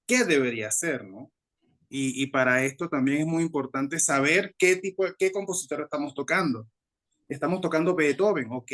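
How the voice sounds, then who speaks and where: Mexican male musician, interview guest, slightly high voice, searching and reflective delivery with many restarts. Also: a bit bright. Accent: Mexican Spanish. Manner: thoughtful, hesitant, with frequent restarts and tag questions. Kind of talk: conversational interview answer.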